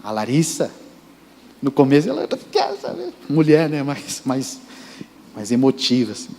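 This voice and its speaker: Preaching with emphasis straight to his congregation, this Brazilian Portuguese-speaking pastor has a medium-pitched, creaky, warm voice with huge swings in pitch. He talks at normal speed. The sanctuary gives the sermon a church reverb, with slight background noise.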